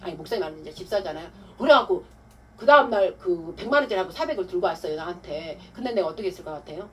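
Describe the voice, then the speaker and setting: A woman pastor giving a testimony-style sermon, telling her story with animated, acted-out quotes. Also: lowish voice, rapid-fire. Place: church hall. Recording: distant mic with faint room noise.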